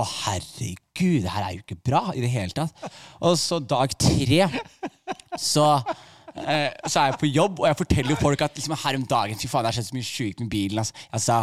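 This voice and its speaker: A man's voice: no echo, clean studio sound. Man telling a wild comic story. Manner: animated, wide swings in loudness and pitch. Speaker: comedian guest.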